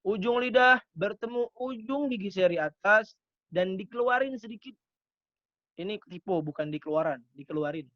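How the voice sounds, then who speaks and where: High-voiced man teaching letter sounds. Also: normal speed, no echo, lo-fi sound. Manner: demonstrates letter sounds in short repeated syllables. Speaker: Quran recitation teacher. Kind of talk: online tajwid lesson. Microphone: computer mic on a video call.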